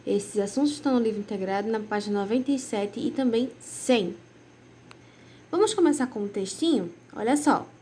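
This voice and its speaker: A young woman with a Brazilian Portuguese accent, a primary school teacher giving a recorded grammar lesson to children in an affectionate, slow and emphatic way. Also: fairly high pitch, dark tone, slight background noise.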